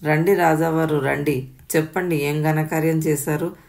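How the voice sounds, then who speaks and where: A woman voicing a furious, abusive middle-aged father who yells and sneers at his family. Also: low voice, level tone, moderate pace, gravelly. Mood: sneering. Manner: yelling, sneering and scolding.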